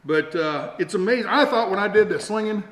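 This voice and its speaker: A man's voice: sits high, brisk, fairly bright tone. A middle-aged man giving a casual, rambling, self-deprecating hands-on show-and-tell in a folksy way, as host of a do-it-yourself vlog. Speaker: host of a DIY build vlog. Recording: echoey room, faint noise, camera mic.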